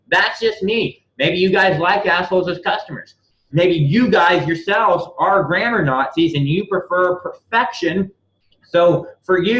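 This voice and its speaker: A man's voice: fairly high pitch, fairly bright tone. A man teaching a live screen-share tutorial, talking bluntly and swearing freely, repeating himself as he walks through each step. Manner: blunt and profane, repeats himself while clicking through steps. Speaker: online marketing instructor. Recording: echoey room, slightly dull lo-fi sound.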